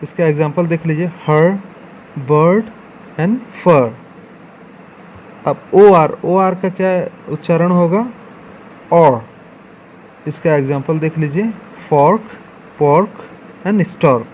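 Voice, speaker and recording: A man with an Indian accent teaching English pronunciation in a classroom style, speaking slowly and repeating each sound and its examples. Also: fairly high pitch, darkish tone, a little hiss or hum.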